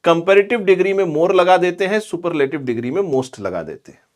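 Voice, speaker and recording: A man teaching English grammar in a chatty, scolding classroom lecture. He drags out example words slowly. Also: high-pitched, lively intonation. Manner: chatty and scolding, calls students "bhai" and "pagle".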